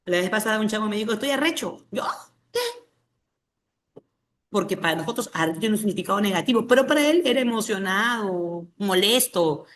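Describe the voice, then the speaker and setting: A woman's voice: medium pitch, quick pace, few pauses, a little hiss or hum. Peruvian woman teaching an exam-prep class. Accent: Peruvian Spanish. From Peru. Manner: questions the class and answers herself, often adding a tag question. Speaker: language teacher.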